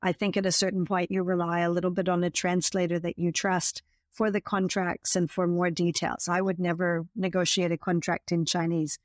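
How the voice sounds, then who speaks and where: Woman, canadian accent, low pitch, measured interview answers, dry close sound. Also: dry recording. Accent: Canadian English. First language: bilingual English and French. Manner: fluent, measured, explanatory. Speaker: guest, marketing consultant.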